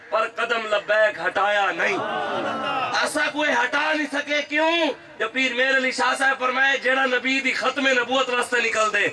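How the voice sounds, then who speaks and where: Fiery high-voiced preacher. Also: male voice, far from the mic. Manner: fervent, preaching, rising to shouts. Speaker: pir addressing a religious political gathering. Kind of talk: impassioned sermon with storytelling.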